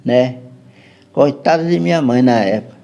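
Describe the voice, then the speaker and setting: A Brazilian man telling a personal story in an unhurried way as a podcast guest. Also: mid-range voice, creaky, warm tone. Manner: unhurried, tags lines with "né". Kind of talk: casual storytelling chat.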